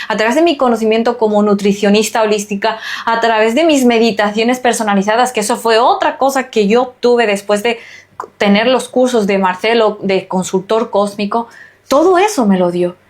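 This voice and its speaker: Earnest woman podcast host. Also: fairly high pitch. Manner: earnest, emphatic, repetitive exhortations. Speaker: podcast host and holistic nutritionist. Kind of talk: spiritual podcast talk.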